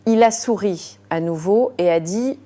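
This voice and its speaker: A woman narrates as a surgeon describing her own experience, confiding and measured, her speech full of hesitant fillers. The voice is medium in pitch with a dark tone.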